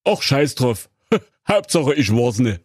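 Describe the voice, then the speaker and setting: A man voicing a gruff, offhand school caretaker. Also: mid-range voice, big pitch swings, slow, no room sound, clean studio sound, pitched above the performer's own voice, full character voice.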